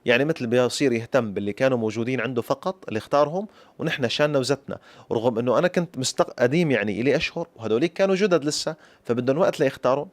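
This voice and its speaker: Rapid-fire Syrian storyteller man. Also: medium pitch, no echo. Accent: Syrian Arabic. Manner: lively folk-tale storytelling with repeated flourishes addressed to listeners. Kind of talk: personal story told to camera.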